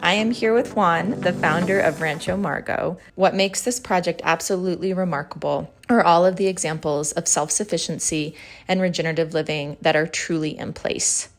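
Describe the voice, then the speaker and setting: A woman narrates a travel vlog in a clear, informative voice. Her pitch sits a little low and her delivery stays even. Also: moderate pace. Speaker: host. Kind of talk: scripted narration.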